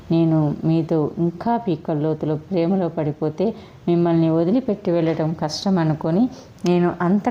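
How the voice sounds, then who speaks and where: A woman's voice: sits low, natural voice. A woman voicing a young wife who earnestly apologizes and begs her husband not to leave her, read in a storybook style. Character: young wife, remorseful and pleading. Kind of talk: storybook reading. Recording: dull lo-fi recording.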